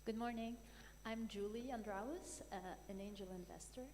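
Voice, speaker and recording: A woman's voice: on the high side, moderate pace, a little mellow. Hesitant woman in a noisy, echoey hall. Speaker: audience questioner, angel investor. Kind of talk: spontaneous audience question. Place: large hall at a live event.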